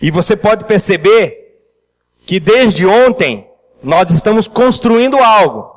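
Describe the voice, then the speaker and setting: A man preaching a seminar on finances, lively and speaking directly to the congregation. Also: sits high, slow pace, long reverb tail, rough recording. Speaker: pastor leading a finance seminar. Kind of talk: sermon with storytelling.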